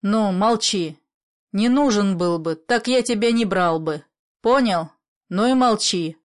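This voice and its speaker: A woman voicing a menacing grown male smuggler who gives curt orders and hisses threats in a low whisper. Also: a little slow, natural voice. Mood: threatening.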